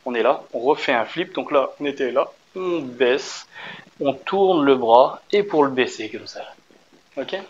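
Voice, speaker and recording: An upbeat male dance teacher walks his viewers through a routine step by step. He keeps checking in with quick little questions and counts the beats aloud. The recording sounds slightly dull, with a faint hum of room noise behind him. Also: mid-range voice, lively intonation. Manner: encouraging, checks in often with short questions. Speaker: dance instructor. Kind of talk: casual dance tutorial.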